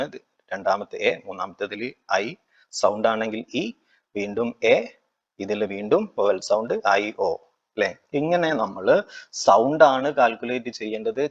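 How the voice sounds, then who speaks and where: A man teaching an exam-prep lecture, asking his students frequent tag questions and reading English lines slowly. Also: fairly low pitch, slightly rough, lo-fi sound.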